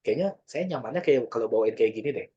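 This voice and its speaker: A man giving a casual online workshop talk, relaxed and chatty, often acting out example lines for his audience. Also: mid-range voice, fast, lo-fi sound, a little hiss or hum. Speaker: workshop speaker.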